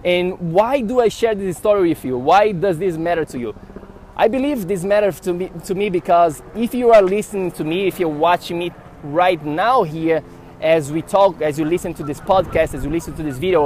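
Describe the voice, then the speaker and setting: A man from Brazil with a Brazilian Portuguese accent, a podcast host telling a story casually to camera in an animated, rambling way. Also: fairly high pitch, brisk, a little hiss or hum. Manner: animated, rambling with fillers and restarts.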